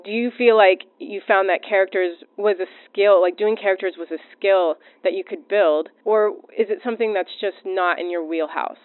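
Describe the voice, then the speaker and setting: A woman's voice: medium pitch, steady tone, moderate pace, hardly any pauses, no echo. A woman asking long, blunt, teasing questions. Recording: tinny phone-like recording.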